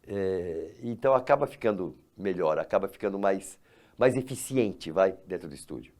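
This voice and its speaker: A man, a translator and dubber, speaking haltingly and correcting himself in a documentary interview. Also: deep voice, lively intonation, a little mellow.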